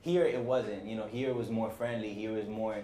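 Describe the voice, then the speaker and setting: A man in his twenties, a band member chatting casually in an interview, relaxed with lots of fillers. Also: fairly low pitch, brisk. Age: 20s. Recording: echoey with faint noise.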